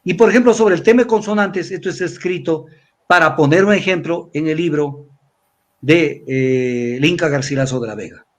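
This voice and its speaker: Lecturing older man with a high voice. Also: moderate pace. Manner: lecturing, repeats words, spells letters out. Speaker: commentator. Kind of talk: weekly analysis talk.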